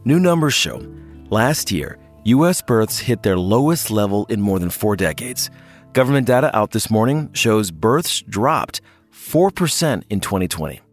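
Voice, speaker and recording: A man co-hosting a news podcast, reading scripted news in a lively, expressive way. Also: lowish voice, measured pace, soft background music. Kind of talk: scripted news narration and banter.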